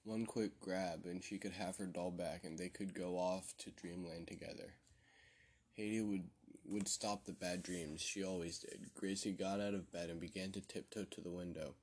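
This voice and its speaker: A man narrating a spoken horror story in a measured way, often restarting words. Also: sits low, steady tone, darkish tone, slightly rough.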